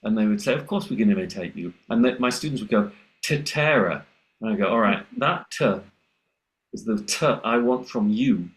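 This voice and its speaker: A man's voice: on the low side, low-quality recording. Man, English accent, teacher trainer, webinar lecture, acts out sounds, video call. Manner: demonstrates sounds aloud, animated explaining. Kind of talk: webinar presentation.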